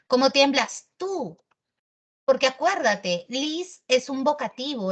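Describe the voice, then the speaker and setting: A woman teaching an online grammar class in a lively, teasing, slangy way. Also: mid-range voice.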